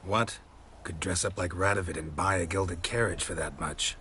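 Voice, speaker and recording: An actor playing a gruff adventurer in a video game, bargaining in a curt, deadpan, hushed voice. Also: male voice, deep voice, moderate pace, a little hiss or hum. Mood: dry disbelief.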